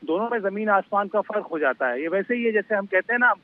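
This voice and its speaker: A man speaking as a news correspondent in a live analysis, pausing often with drawn-out fillers. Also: sits high, animated, no echo, phone-quality sound. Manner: hesitant, many drawn-out fillers.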